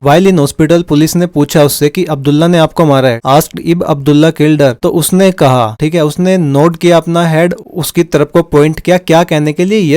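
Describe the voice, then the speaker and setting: Man lecturing on law, higher voice. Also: darkish tone, clean tone. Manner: repeats "theek hai" to check understanding; mixes English legal terms into Hindi. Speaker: law teacher. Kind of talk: explaining lecture with examples.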